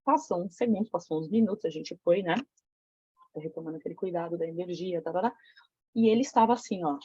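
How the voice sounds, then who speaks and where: A Brazilian woman leads a women's circle, speaking in a mellow, husky voice and telling a candid story. She talks frankly and profanely, full of slang. The recording is dull and lo-fi. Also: on the low side, quick pace, dry recording. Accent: Brazilian Portuguese. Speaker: women's tantra circle facilitator. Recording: dull lo-fi sound.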